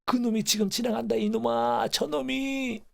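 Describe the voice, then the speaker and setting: A man voicing a bitter, frantic dying old grandfather who cries out in a strained, high wail. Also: sing-song, moderate pace, creaky, full character voice. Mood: anguished. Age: older.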